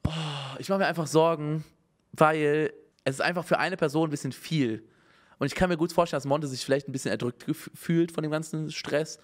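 A man's voice: fairly high pitch, steady tone, a little fast. A young man streaming live, reacting to news in a casual, hesitant way with many restarts and a concerned tone.

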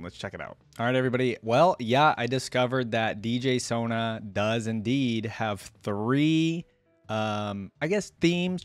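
A man in his twenties hosts reactions from a small indoor home streaming setup, talking casually to viewers in loose, slangy speech close on a desk microphone. His voice is mid-range with no room sound, and electronic music plays in the background.

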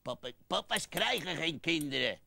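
A man's voice: fairly high pitch, lively intonation, normal speed, vocal fry, pushed and bright, no room sound, exaggerated voice. A man voicing a grumpy old grandmother sock puppet in a children's puppet show, irritable and always calling things ridiculous. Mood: grumbling.

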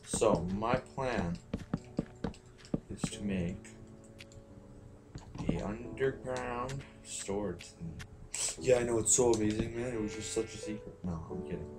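A man's voice: lowish voice, unhurried, long pauses, noisy background. A tired young man giving rambling, self-mocking, casually profane commentary while playing a game. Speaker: gaming channel host. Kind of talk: casual let's-play commentary. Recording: loud background music.

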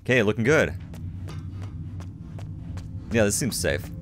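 A man's voice: lowish voice, very animated, takes it slowly. A man hosting a let's play video, giving a chatty running commentary with self-mocking asides. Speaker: gaming video host. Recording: commentary over game audio with music.

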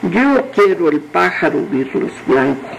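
A man's voice: on the high side, sing-song, unhurried, gravelly, slight background noise, exaggerated voice, poor audio. A man voicing a worried, firm woodcutter father giving instructions. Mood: instructing.

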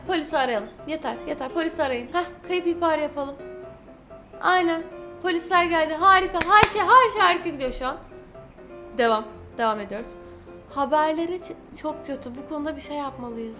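A young woman giving excitable, casual commentary while playing a game, reading the choices aloud and talking to her viewers. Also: high-pitched. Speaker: gaming YouTuber.

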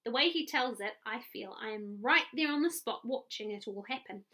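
A woman with a New Zealand accent voicing a bookish four-year-old girl in a read-aloud story, soft and polite. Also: a little high, expressive, normal speed. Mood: thoughtful. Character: bookish little girl, four, quiet and earnest.

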